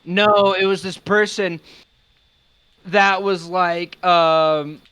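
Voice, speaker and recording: A man's voice: high-pitched, steady tone, very slow, fairly bright tone, smooth, no room sound. A young man in casual podcast chat, blunt and stammering, with frequent swearing. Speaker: podcast co-host.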